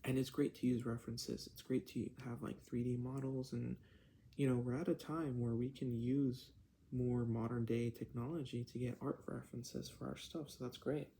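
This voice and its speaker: A man giving casual vlog commentary in a hushed, half-whispered voice, keeping quiet at night. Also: medium pitch, fairly even intonation, normal speed, creaky, slight background noise. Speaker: comic book vlogger.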